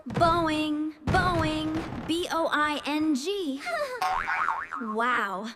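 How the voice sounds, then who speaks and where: A woman voicing an excitable little winged cartoon critter, squealing exclamations and reading sound effects aloud. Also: drawn-out words, over loud music. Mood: excited. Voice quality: squeaky, shrill. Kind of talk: cartoon dialogue. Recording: loud background noise.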